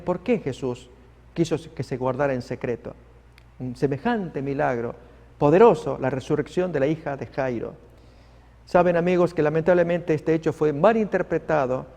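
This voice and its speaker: Gravelly, warm-voiced male preacher. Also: a little high, normal speed, long reverb tail. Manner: emphatic, vivid storytelling, addresses listeners as friends. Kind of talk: sermon.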